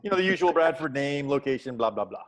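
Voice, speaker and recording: A man's voice: mid-range voice, lively intonation, quick pace. A man from Washington, D.C. hosting a casual video-call roundtable and calling on people by name. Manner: upbeat, calls on people by name. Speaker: roundtable host, tech coordinator.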